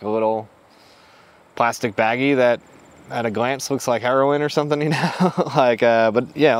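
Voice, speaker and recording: A laid-back man recounting a travel mishap in loose, casual chat. He fills his telling with "uh" and "like", swears freely and breaks into short laughs. His voice sits at an ordinary middle pitch. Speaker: travel show host. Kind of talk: casual storytelling.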